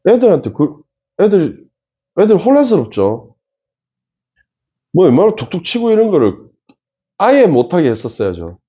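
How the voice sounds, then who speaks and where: A man's voice: sits high, wildly swooping pitch, moderate pace, pauses often, dark tone, husky, muffled recording. A man giving casual commentary on a TV show, emphatic and talking straight to viewers. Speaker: face-reading commentator.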